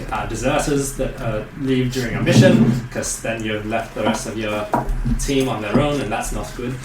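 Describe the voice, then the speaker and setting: A man's voice: mid-range voice, natural voice. A man playing a formal military recruiting officer. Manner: measured, many "uh" pauses. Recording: roomy, distant mic, faint noise.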